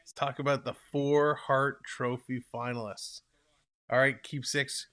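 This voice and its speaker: Here a young Torontonian rambles through his live hockey stream, chatting and responding aloud to what viewers type. His mid-range voice is clean, pushed and bright, yet the delivery stays flat and unhurried.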